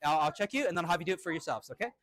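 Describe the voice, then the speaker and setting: A male fencing instructor running a live drill with crisp, short commands and encouraging words. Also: fairly high pitch, expressive, racing, fairly bright tone, no echo, studio quality.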